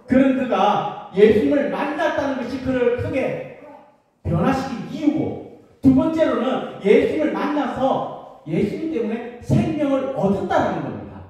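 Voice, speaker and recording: A woman preaches a children's sermon with a mellow, warm tone, gently asking her young listeners questions. Her voice carries from some distance across a church sanctuary. The big hall gives every word a long, echoing tail. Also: high voice, sing-song, normal speed. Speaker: children's pastor. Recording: echoey church hall from far off.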